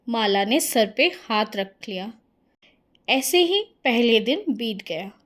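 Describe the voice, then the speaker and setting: Slow-paced woman telling a cartoon story. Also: fairly high pitch, a bit bright. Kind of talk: scripted story narration.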